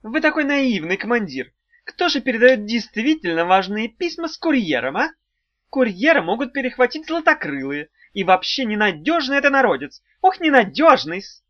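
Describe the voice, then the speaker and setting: A man voicing a squeaky, fawning, spiteful little male demon who whines and shrieks. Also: huge pitch swings, moderate pace, no room sound, lo-fi sound, exaggerated voice. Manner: whiny and fawning, shrill outbursts.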